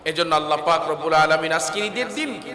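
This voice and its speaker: A man's voice: fairly high pitch, quick pace. A Bangladeshi man preaching an Eid sermon as an imam, exhorting the congregation and prompting them to answer back. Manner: recites Arabic verses within the talk. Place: large reverberant mosque, congregation behind. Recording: echoey mosque PA with crowd.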